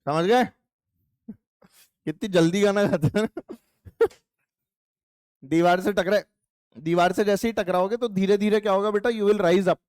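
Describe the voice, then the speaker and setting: A man's voice: high-pitched, steady tone, measured pace, long pauses, darkish tone, clear, resonant tone, dry recording, studio quality. A male physics teacher giving a playful, chatty classroom lecture and teasing his students.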